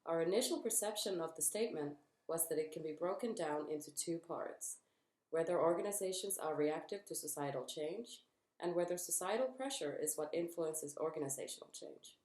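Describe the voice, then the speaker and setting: A young woman, a student reading her part of a group presentation in a measured, formal way. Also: sits low, a little mellow. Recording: echoey room.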